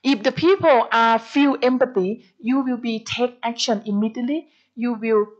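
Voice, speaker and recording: Woman lecturer, higher pitch, lively storytelling, halting phrasing. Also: highs cut off. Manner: animated storytelling, acts out dialogues; halting non-native English phrasing. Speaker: guest lecturer. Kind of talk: university lecture on service quality.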